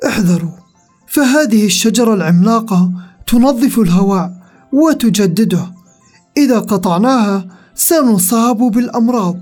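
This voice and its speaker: A woman voicing a calm male town doctor in a storybook, quiet and measured. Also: fairly high pitch, soft background music. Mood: warning.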